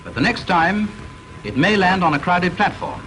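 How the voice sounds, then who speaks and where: Heard on a low-quality vintage soundtrack with faint hiss, a man with a British accent gives formal, scripted training-film narration. He's measured, instructive and stern, his voice sitting high, expressive and a bit bright.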